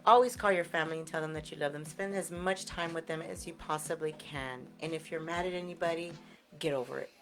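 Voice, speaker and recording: A woman's voice: sits low, fairly quick. A woman co-hosting a casual live stream, blunt, playful and teasing. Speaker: co-host, nutrition shop owner.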